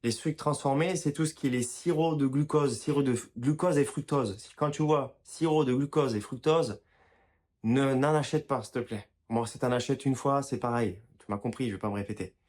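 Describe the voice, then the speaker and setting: A man's voice: mid-range voice, darkish tone. A man giving casual health advice to his viewers, talking informally and directly to them, often restarting his sentences. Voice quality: apologizes for his own pronunciation. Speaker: health and wellness video creator. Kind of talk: casual explanatory talk to camera.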